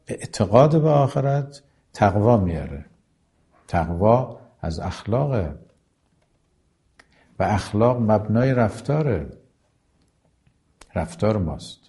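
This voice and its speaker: A man giving a religious lecture who recites Arabic passages slowly and then explains them in plain everyday speech. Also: lowish voice, mellow. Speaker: preacher.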